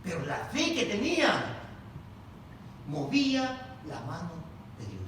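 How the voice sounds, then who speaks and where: High, animated preaching man in echoey church. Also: takes it slowly, a little hiss or hum. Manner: preaching with rhetorical questions; addresses congregation as "hermano". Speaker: pastor. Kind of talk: sermon. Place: large church hall. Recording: echoey hall, mic at a distance.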